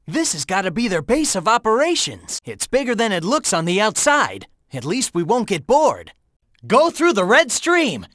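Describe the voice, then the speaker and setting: A man voicing a cocky, upbeat young cartoon hedgehog hero in a video game, with an American accent and breezy, energetic delivery. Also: very high voice, no echo, clean studio sound, full character voice. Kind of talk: video game character dialogue.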